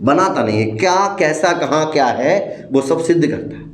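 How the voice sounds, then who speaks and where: A man teaches a demo lesson in a playful, step-by-step way. His voice sits fairly high. The room around him is echoey. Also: expressive, normal speed. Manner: playful, explains step by step, addresses listeners as "beta".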